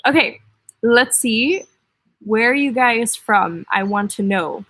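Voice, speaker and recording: A woman's voice: fairly high pitch, slow, no room sound. A young woman from Singapore and Germany co-hosting a casual live stream; she thanks viewers often and gives friendly advice. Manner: warm, grateful, laughs often, gives advice. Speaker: co-host of a travel channel.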